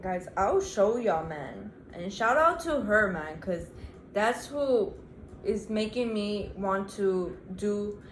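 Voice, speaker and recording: A woman's voice: medium pitch, lively intonation, takes it slowly, reverberant, slight background noise, low-quality recording. A nineteen-year-old woman co-hosting a casual Q&A vlog, chatty and constantly calling her viewers "guys". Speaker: vlog co-host.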